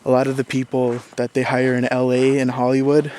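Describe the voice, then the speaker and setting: Talking to camera with lots of fillers and false starts, a young Minnesotan vlogger from the state's south speaks in a completely flat, mid-range voice. He goes a little fast, sounds a little mellow, and faint noise hums in the background.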